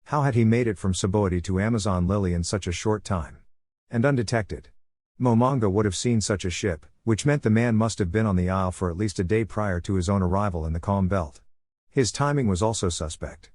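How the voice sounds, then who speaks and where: A man narrating a fan-fiction story, reading in a steady, measured way. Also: on the low side, no echo, studio quality.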